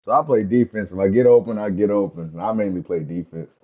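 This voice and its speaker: A man's voice: fairly low pitch, steady tone, fairly quick. A man hosting a casual gaming livestream, talking in a laid-back, slangy way and laughing often. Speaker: livestream host. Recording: dull lo-fi stream audio.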